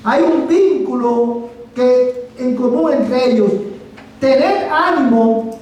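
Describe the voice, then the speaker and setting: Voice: high-pitched, slow, a little mellow. Brief: fervent preacher, questions the congregation, recorded far off in a reverberant church with faint noise. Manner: emphatic, asks the congregation rhetorical questions; addresses listeners as brother. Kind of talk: sermon. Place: church sanctuary. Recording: echoey sanctuary, mic from far off.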